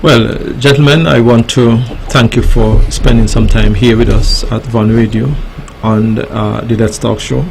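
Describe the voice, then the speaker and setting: Male talk show host, Caribbean accent, formal and polite, mid-pitched with vocal fry, slight background noise. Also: steady tone, a little mellow. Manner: courteous, formal, deliberate phrasing. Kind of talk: formal radio interview hosting.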